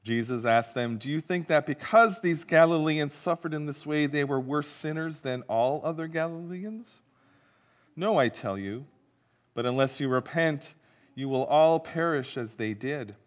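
A man's fairly high voice moves at a measured pace as he, a middle-aged pastor, reads the gospel in a church sanctuary. His sermon tells the story vividly and includes questions for the people listening.

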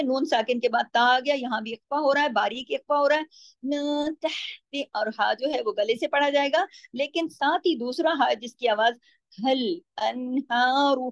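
A high-voiced woman gives a patient recitation lesson, breaking words apart and stretching them slowly as she demonstrates. Her voice is close and dry, with no room sound around it. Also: no room sound. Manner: patient, explanatory, slows to drawn-out chanted demonstrations of words. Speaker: Quran recitation teacher.

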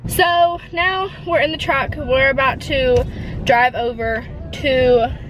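A woman's voice: high voice, steady tone, takes it slowly. A young woman vlogging casually from a vacation condo, chatting with lots of "like" fillers into a handheld camera. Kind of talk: casual vlog chat. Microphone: handheld camera held close. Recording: noisy handheld camera audio.

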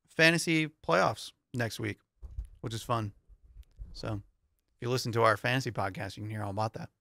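A man's voice: medium pitch, bright, forceful tone, dry recording. A young man co-hosting a casual sports podcast in a small studio, reading out matchups in an easygoing way. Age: young adult. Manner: easygoing, reads out matchups with light laughs. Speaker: co-host. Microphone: studio mic on boom arm, headphones.

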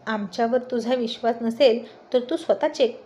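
A woman's voice: on the high side, moderate pace, highs cut off, background noise, lightly acted. A woman voicing a teasing cheerful little sister. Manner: playful, teasing.

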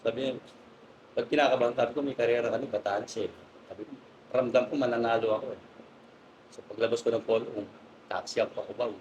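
A man guest telling animated, laughing anecdotes in a casual interview, polite and respectful to his host. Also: medium pitch, fast talker, pauses often, slight background noise, poor audio. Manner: polite, says "po" and "sir". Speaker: guest pigeon racer.

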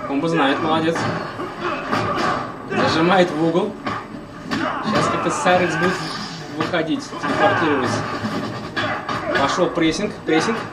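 Male streamer, slightly high voice, offhand casual tournament commentary in short remarks, loud game music behind him. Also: rough recording. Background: loud video game music.

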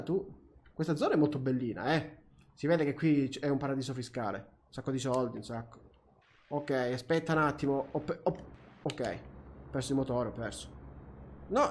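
A young Italian man commenting on his flight simulator gameplay, excitable, swearing often and talking to himself and the plane. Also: on the high side. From Italy. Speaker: gaming youtuber. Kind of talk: flight sim let's play commentary.

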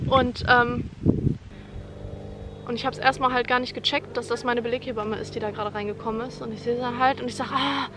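High-voiced woman telling a dramatic story. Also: flat delivery, brisk, noisy background. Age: young adult. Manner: vivid, dramatic retelling, acting out her own screams and quoting others. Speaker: vlogger. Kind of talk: personal birth story told to camera.

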